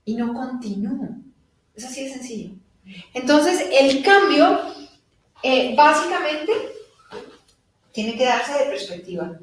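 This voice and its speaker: A woman giving a live spiritual talk to an audience, animated and laughing as she acts out little dialogues. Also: high-pitched, takes it slowly, pauses often, a little hiss or hum. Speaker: spiritual teacher. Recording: echoey room from a distant mic.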